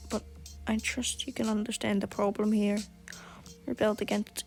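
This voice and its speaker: A woman's voice: mid-range voice, gravelly, darkish tone, close to an everyday voice. A woman voicing a scheming, condescending male reptilian executive in a game, speaking formally with a sneer.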